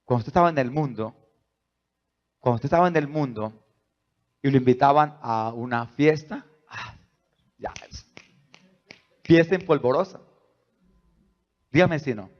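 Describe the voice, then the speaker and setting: A male pastor preaching a sermon, asking the congregation rhetorical questions and swinging between soft asides and loud, rising emphasis. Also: medium pitch, a little slow, pauses often. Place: church. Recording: dull lo-fi church recording.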